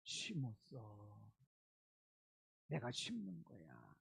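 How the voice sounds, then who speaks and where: A man's voice: medium pitch, huge pitch swings, very slow, vocal fry, a bit bright, husky, no room sound, clean studio sound. A male pastor preaching a Sunday sermon in a church, emphatic and repeating his key words. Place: church sanctuary.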